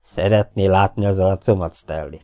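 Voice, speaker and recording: A man playing a mysterious masked male avenger in a pulp audiobook. He speaks calmly and mockingly, and his deep voice stays fully in command. His delivery is lightly scornful toward the villain. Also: close to an everyday voice. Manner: mocking, calm, self-assured. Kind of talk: audiobook character voice.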